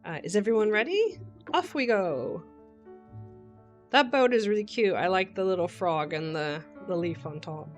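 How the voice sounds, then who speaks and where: A young woman chats her way through a cozy farming game on stream, easily charmed by every little detail. Her voice sits at an ordinary middle pitch. Gentle game music plays faintly underneath. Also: expressive, moderate pace. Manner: chatty, easily charmed, light laughs. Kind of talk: casual gameplay chat, reading game dialogue aloud. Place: home streaming setup.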